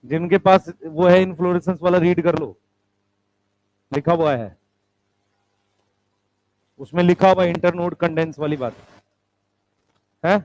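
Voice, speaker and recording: A man's voice: a little high, fairly even intonation, measured pace, long pauses, a little mellow, rough recording. A male teacher giving a classroom lecture, explaining step by step, asking the students questions and calling them beta and bhai.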